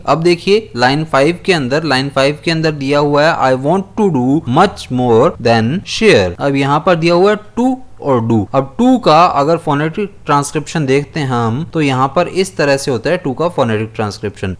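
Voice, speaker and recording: Man teaching a school poem. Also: on the high side. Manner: explains step by step, asking and answering his own questions. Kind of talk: explaining a poem to school students.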